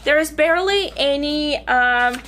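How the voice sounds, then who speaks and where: A woman's voice: sits high, a little slow, bright, forceful tone, slight background noise. A young woman from Bulgaria chatting enthusiastically through her book reviews in a casual vlog.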